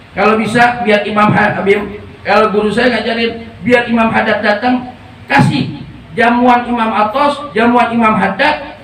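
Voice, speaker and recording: A man preaching informally to a gathering, telling stories with jokes and slang. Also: very high-pitched. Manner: lively, joking, slangy. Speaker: religious preacher. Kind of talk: informal sermon with storytelling. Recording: echoey, distant room mic with faint ambient noise.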